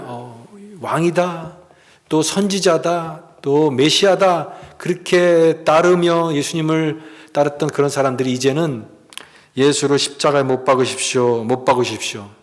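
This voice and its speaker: A man preaching a sermon as pastor, earnest and emphatic, often putting questions to the congregation. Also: fairly high pitch. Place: church sanctuary. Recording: long reverb of a church hall.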